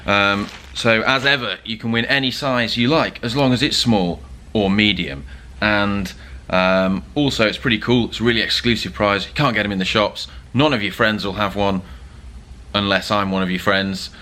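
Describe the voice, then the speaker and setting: A man's voice: fairly low pitch, fairly even intonation, normal speed, bright, forceful tone. A young man hosting a casual vlog, chatty and joking with plenty of fillers. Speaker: vlog host. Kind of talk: casual vlog chat to camera.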